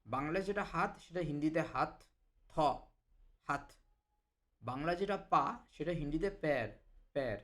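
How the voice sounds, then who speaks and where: A man teaching Hindi vocabulary to Bengali speakers, explaining each word and repeating it slowly. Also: fairly high pitch, a bit bright. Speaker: language teacher. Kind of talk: vocabulary lesson.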